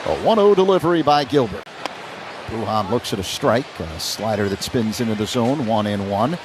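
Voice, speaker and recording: With a lowish, expressive voice at a moderate pace, an American radio announcer calls a live baseball game play by play. He speaks in clipped bursts that keep up with the action as stadium crowd noise fills the background.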